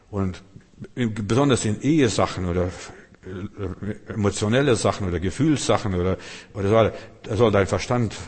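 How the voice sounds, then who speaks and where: A male pastor, preaching a sermon and rising loud on key phrases. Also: medium pitch, breathy edge. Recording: long hall reverb.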